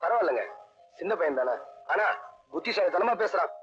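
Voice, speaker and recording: A brooding hero set on revenge, earnest and grim. His voice is high, bright and quick. The old film sound is dull, with light music beneath. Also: lively intonation. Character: brooding vengeful young hero.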